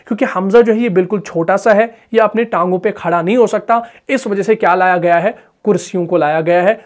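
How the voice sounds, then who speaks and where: A man with a Pakistani Urdu accent teaching Quran recitation. He asks questions and answers them himself, and stretches out the example words slowly. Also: high voice. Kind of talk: tajweed lesson.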